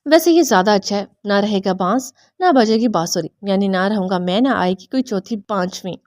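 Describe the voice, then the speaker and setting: A woman's voice: medium pitch, a little mellow, no echo, close to an everyday voice. A woman reading the lines of a playful young husband who teases his wife. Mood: teasing. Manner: mischievous, bantering.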